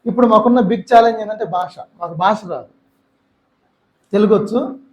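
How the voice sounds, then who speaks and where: A man's voice: high voice, moderate pace, a little mellow, roomy sound, low-quality recording. A man from Andhra Pradesh with a Telugu accent, giving an emotional testimony sermon and slipping in English phrases. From Andhra Pradesh, India. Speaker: missionary speaker. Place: church hall.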